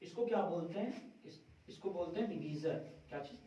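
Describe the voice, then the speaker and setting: A man's voice: a little high, expressive, fairly quick, dark tone. A man teaching a math lesson in a classroom, often asking a question and then answering it himself. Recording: very echoey room, distant mic, dull sound.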